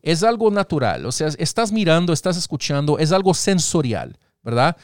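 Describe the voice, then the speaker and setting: A man talking politics in a casual discussion, with a fairly high voice and a very lively pitch that leaps as he argues. He keeps asking rhetorical questions and restarting his sentences. The sound is dry and close. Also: moderate pace, no room sound. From Latin American roots, raised in the United States.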